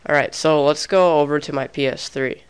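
Smooth and on the high side, this young man's voice stays steady at a moderate pace. Slightly sick and a little off-sounding, he narrates a screen-recorded gaming tutorial in a casual, chatty manner full of restarts.

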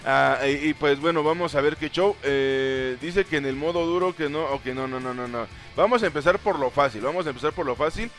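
A man with a Mexican Spanish accent giving excitable, profane gameplay commentary and reading game text aloud. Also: fairly high pitch, a little fast, few pauses, faint music behind. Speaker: gaming YouTuber.

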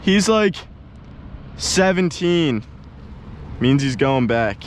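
Recording on an action camera attached to his kayak, a young adult fishing vlogger chats excitedly on open water, full of hyped slang exclamations delivered in bursts. He speaks at a medium pitch and very slowly. Wind and splashing water can be heard throughout.

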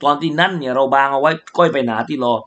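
A man's voice: medium pitch, fast talker, fairly bright tone, lo-fi sound. A man from Thailand teaching Quran recitation, chanting verses and then patiently explaining pronunciation, repeating syllables for students. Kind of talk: tajweed recitation lesson.

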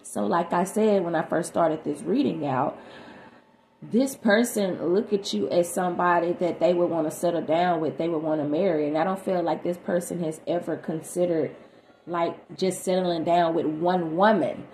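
A woman giving a chatty, animated tarot reading to her viewers. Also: lowish voice, normal speed. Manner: animated, chatty, sings snatches of songs. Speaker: tarot reader. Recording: echoey room, faint background noise.

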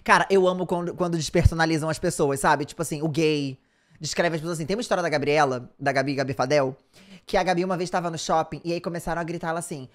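A woman with a Brazilian Portuguese accent hosting a reaction commentary. She speaks in an expressive, exclamatory way. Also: sits low, fast talker. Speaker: commentary host.

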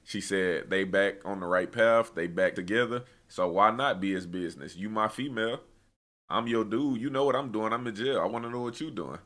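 Offering slangy, opinionated reactions in a relaxed, conversational way, this young adult American reaction video host has a fairly bright voice on the low side. He talks at a normal speed.

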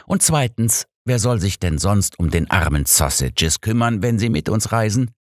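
A man voicing a sharp, know-it-all older detective who lectures his friend with smug superiority. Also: lowish voice, animated, moderate pace, dry recording, studio quality, pitched above the performer's own voice, lightly acted. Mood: coaxing.

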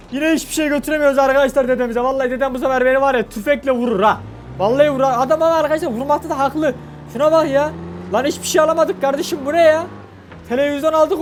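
Excitable high-voiced young Turkish man. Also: slight background noise. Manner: excitable, cursing, mock-lamenting. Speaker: gaming channel host. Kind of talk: casual driving-game commentary.

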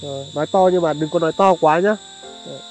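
Man hosting a village charity vlog outdoors, courteous and chatty, soft music underneath. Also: fairly high pitch, fast, poor audio. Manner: polite, addresses viewers often, many fillers. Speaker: charity vlogger. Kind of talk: vlog narration and chat on location.

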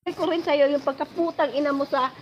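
Woman in a vlog clip, challenging and defiant, slightly high, faint background noise. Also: fairly even intonation, quick pace, lo-fi sound. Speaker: rival vlogger.

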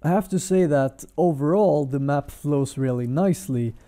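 A man giving a calm game commentary voice-over from a hotel room, his voice tired. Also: fairly high pitch. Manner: calm, measured game analysis. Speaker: gaming content creator.

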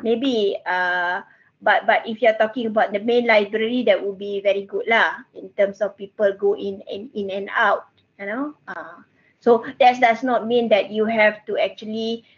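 A woman's voice: medium pitch, fairly even intonation, normal speed. A middle-aged woman with a Malaysian accent tutoring online in casual Manglish, code-switching with particles like lah and kan and repeating her phrases. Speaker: university lecturer. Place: indoor room with bookshelves, video call. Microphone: headset. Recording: muffled, band-limited video call audio.

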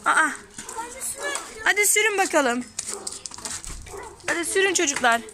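A woman's voice: extremely high pitch, animated, measured pace. A young woman filming her son and his friends on a neighborhood street, playfully narrating and coaxing them with mock-dramatic cries for help. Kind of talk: casual family vlog narration. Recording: noisy outdoor phone recording.

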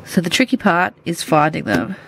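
A woman shows off her pets to a handheld camera near a terrarium at home, chatting away and explaining as she handles the animals in a casual show-and-tell vlog. A cold makes her voice stuffy and nasal; it's lowish and sing-song, at a moderate pace. The background is noisy.

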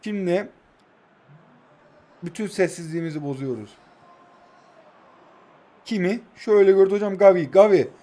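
A man in his twenties giving excited casual commentary while playing a football video game. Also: high voice, normal speed, long pauses. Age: 20s. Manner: excitable, shouts names when attacking. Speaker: mobile football game streamer. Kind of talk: live gameplay commentary.

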